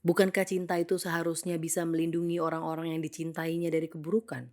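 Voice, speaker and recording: Narrating a reflective monologue quickly, a young woman speaks in a somewhat low, darkish voice with little pitch movement. Her delivery is earnest and considered, each point weighed, with occasional English phrases mixed in.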